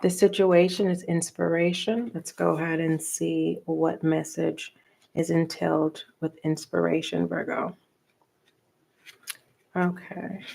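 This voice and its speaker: A middle-aged woman giving a tarot reading for viewers, talking softly and slowly and pausing as she reads the cards aloud. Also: on the low side, level tone, gravelly, slight background noise. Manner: slow, soft and meditative, reading cards aloud with pauses. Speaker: tarot reader.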